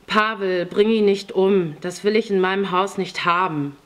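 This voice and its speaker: A woman's voice: medium pitch, steady tone, normal speed, lightly acted. A woman voicing a firm, pitying woman of the house in an audiobook reading.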